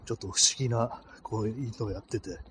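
A man with a lowish voice chats loosely into a phone as he walks outside at night. He rambles and hesitates, stringing thoughts together with fillers. Faint street ambience sits under his voice. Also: a little fast, a bit bright, slight background noise. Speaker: podcast host. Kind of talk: casual solo talk while walking. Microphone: phone held in cold hands.

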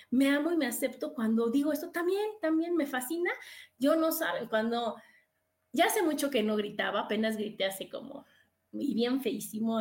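A woman hosts her podcast in an easy, chatty way, with a high voice. She talks with expressive swings, acts out quoted exchanges in other voices and repeats key words for emphasis. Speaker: podcast host. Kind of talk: casual self-help talk.

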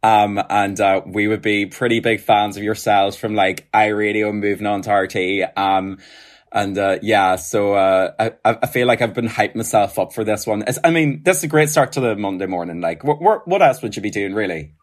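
A man's voice: fairly low pitch, moderate pace. A man with an Irish accent hosting a casual interview podcast in a rambling, self-deprecating, hesitant way. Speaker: podcast host.

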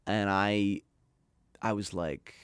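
The guest, a middle-aged man in a casual interview, narrates a story chattily, leaning on "like" and acting out quoted voices. His lowish voice is steady, slow and smooth, with no echo.

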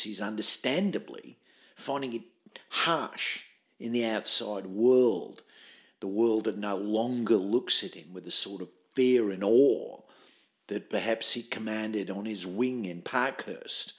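An actor playing a pompous, theatrical drama-club man interviewed in a mockumentary, who talks in a formal, grandly measured way. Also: lowish voice. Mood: grave.

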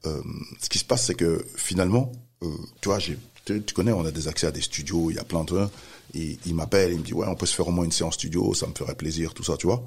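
A man telling a story in casual chat, animated, acting out the voices of the people he quotes. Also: low-pitched, fast, slightly rough. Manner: animated, acts out quoted voices, many restarts. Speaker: music manager telling a story.

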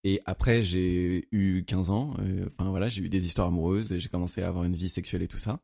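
A man's voice: sits low, fairly even intonation, a little fast, creaky, warm tone. A man co-hosting a podcast in casual, conversational talk. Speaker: podcast co-host. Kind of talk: casual chat.

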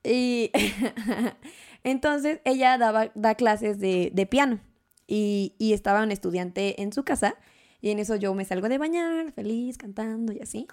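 A young woman, casually telling a story as a guest, animated and laughing often. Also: a little high, a little slow. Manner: animated, laughs often, acts out quoted voices.

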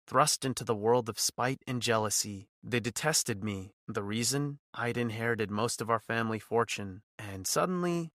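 Bright, wry male storyteller. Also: mid-range voice, no room sound, clean studio sound. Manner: wry, sardonic. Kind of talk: first-person story narration.

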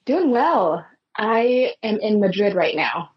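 A woman's voice: mid-range voice, sing-song, slow, slightly rough, highs cut off. A woman from Seattle, a wedding photographer, chatting casually and friendly as a podcast guest. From Seattle, USA. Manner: friendly, chatty, laughs easily. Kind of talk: casual interview chat.

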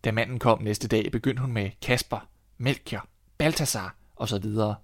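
A Danish man reading a fairy tale aloud in a calm, measured storytelling manner. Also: on the low side, no echo, clean studio sound.

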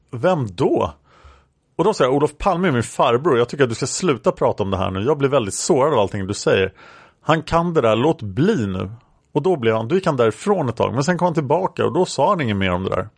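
A young woman witness recounting a café encounter, read out by a man. The reading is flat and unacted, in a gravelly low-creaking voice. The recording is dry and close. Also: no echo. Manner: flat reading of transcript lines, speaker labels read aloud.

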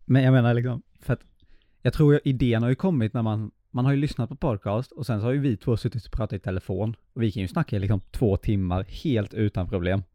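A man's voice: mid-range voice, dark tone, dry recording. A man with a mixed Småland and northern Swedish accent, chatting casually as a podcast co-host. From Småland, Sweden. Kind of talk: casual chat.

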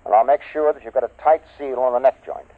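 An actor playing a brisk, technical male army major in a 1950s radio drama. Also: mid-range voice, fairly even intonation, natural voice. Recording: tinny old radio broadcast.

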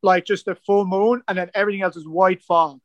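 A man's voice: sits high, fairly even intonation, brisk, no room sound, dull audio. An Irish man from Ireland, a guest rower telling his story in a casual interview, rambling with lots of "like" and "kinda". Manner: rambling, full of "like" and "kinda" fillers.

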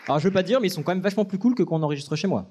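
A man's voice: high voice, lively intonation, racing, darkish tone, slight background noise. A man hosting a podcast in front of a live audience, with playful, teasing banter that hops between jokes and running the show. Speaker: podcast host.

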